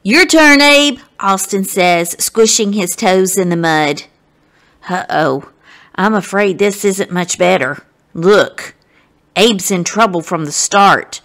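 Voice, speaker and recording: As a guest reader, this woman gives a children's story an expressive, dramatic reading, talking directly to the audience in a mid-range voice at a slow pace.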